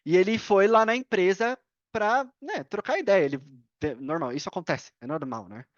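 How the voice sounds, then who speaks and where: A Brazilian man with a Brazilian Portuguese accent, telling a personal story as a podcast guest in an animated, slangy way. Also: high-pitched, moderate pace, no echo, lo-fi sound. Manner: animated, slangy, laughs and self-corrects often. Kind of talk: casual storytelling.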